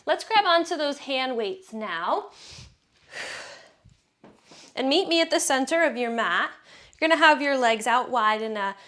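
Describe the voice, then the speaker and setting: Breathy, encouraging female workout instructor. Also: high voice, animated, a little slow, pauses often, bright, forceful tone. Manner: encouraging, counts reps and cues breathing. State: slightly out of breath from exercising. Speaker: fitness instructor.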